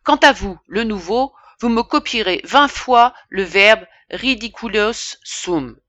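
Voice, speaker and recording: A woman's voice: lowish voice, expressive, fairly quick, dry recording. A woman voicing a stern, irritable male schoolmaster who barks orders at his class in an audiobook. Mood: angry. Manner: barking commands, shouting.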